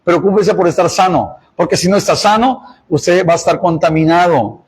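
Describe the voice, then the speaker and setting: A man's voice: sits high, normal speed, slight background noise, rough recording. A male pastor, preaching a sermon and exhorting the congregation. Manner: preaching, with quoted voices and emphatic exhortations.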